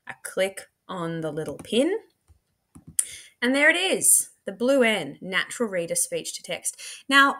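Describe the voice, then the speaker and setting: A woman teacher with a mid-range, slightly bright voice presents a software tutorial from an indoor room at a computer. Her screen demo is chatty and instructional, and she talks through every step aloud.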